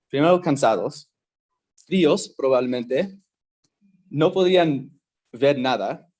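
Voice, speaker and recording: A man giving a casual Bible lesson, talking slowly and conversationally and checking in with his listeners often. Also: fairly high pitch, darkish tone. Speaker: youth Bible teacher.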